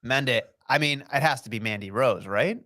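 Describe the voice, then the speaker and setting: A man co-hosting a wrestling podcast, talking in an animated, joking and profane way. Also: medium pitch, a little fast. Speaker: podcast co-host. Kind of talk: casual wrestling chat.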